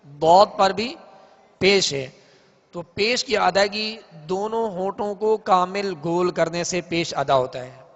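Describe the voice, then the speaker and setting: A man teaching Quran recitation, explaining pronunciation slowly and then chanting verses in a drawn-out way. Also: high-pitched. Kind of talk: tajweed lesson with chanted recitation. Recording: dull lo-fi audio in a reverberant hall.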